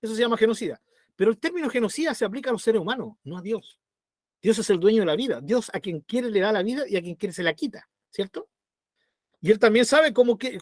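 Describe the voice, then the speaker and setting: A man's voice: high-pitched, dry recording, clean studio sound. A man with a Chilean accent teaching a Bible study in a conversational way, often checking in with his listeners and acting out little voices. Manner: animated, acts out voices.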